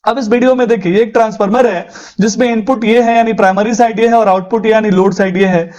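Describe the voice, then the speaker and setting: A man teaching an engineering lesson, energetic and coaxing, slowing down for key English lines. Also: high voice. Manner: energetic, coaxing, mixes in English phrases slowly spelled out. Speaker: engineering tutor. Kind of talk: explanatory lesson for interview prep. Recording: slightly dull lo-fi sound.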